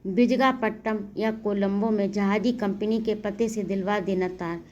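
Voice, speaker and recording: A woman's voice: medium pitch, steady tone, a little slow, a little mellow, muffled recording, close to an everyday voice. A woman reading the part of a worried, caring young woman.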